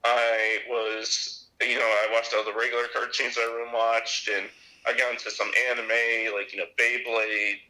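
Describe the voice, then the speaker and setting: Bright-voiced young man, halting speech. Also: mid-range voice, flat delivery, poor audio. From Illinois. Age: 20s. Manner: halting, many restarts and fillers. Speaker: podcast guest. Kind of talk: casual chat.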